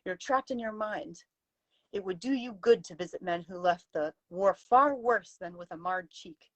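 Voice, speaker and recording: In a live dramatic story reading, a woman voices a stern, outspoken Victorian lady's companion, prim, emphatic and reproving, in an indignant, scolding mood. Her voice is on the low side and close to an everyday voice, at normal speed. The recording is rough, with no room sound.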